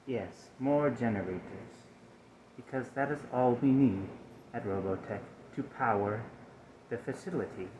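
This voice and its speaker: In a soft-spoken ASMR roleplay, a man plays a stiff, aggrieved, malfunctioning robot, using formal, halting, over-precise phrasing. His voice is mid-range and close to an everyday voice, with a noisy background.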